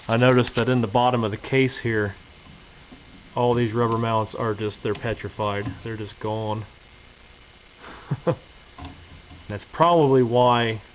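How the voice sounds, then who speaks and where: A folksy hobbyist presenter with a lowish voice offers casual, hands-on show-and-tell commentary indoors in a home workshop or garage. The recording is dull, lo-fi camcorder audio with hiss.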